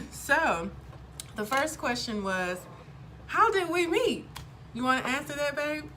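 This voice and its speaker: Bright, chatty woman in her thirties. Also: sits high, animated, takes it slowly, a little hiss or hum. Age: 30s. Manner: upbeat, chatty, lots of ums. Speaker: vlogger. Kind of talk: casual chat to camera.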